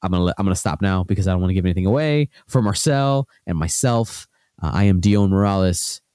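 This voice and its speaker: A man co-hosting a podcast in casual chat, sounding nasal from a cold, relaxed and chuckling with lots of fillers. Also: low voice, quick pace, clear, resonant tone, dry recording, clean studio sound. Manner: laid-back, chuckling, filler-heavy. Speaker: podcast co-host.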